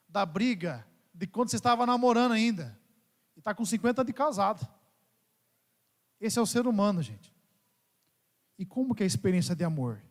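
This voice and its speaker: A Brazilian priest preaching a homily in a large church, his voice high for a man and trailing into a long reverb. He mixes humorous stories from home life with the message, often calling out to the congregation. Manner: humorous storytelling, addresses the congregation as "gente". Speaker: parish priest. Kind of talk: homily at Mass.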